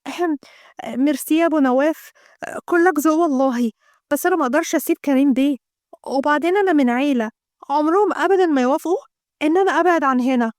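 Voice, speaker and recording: A resentful, sharp-tongued young secretary with an Egyptian accent, voiced by a woman. She speaks in an indignant, bargaining tone, her voice high and quick in a dry recording. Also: dry recording, lightly acted. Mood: sarcastic. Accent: Egyptian Arabic.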